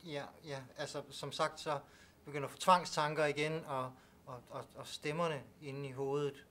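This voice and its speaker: A man's voice: on the high side, level tone, fairly bright tone, lightly acted. An actor playing a distressed patient with obsessive thoughts who stammers and grows exasperated when he is not heard. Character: distressed man with obsessive thoughts seeking new medication. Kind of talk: student film acting.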